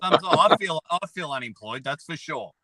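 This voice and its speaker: An Australian man whose voice sounds like he has a blocked nose chats casually from a car as a guest on a live stream, where he's known as an arm wrestling personality. He's blunt, sweary and jokey. His fairly high voice is expressive and brisk, with a crowd audible in the background.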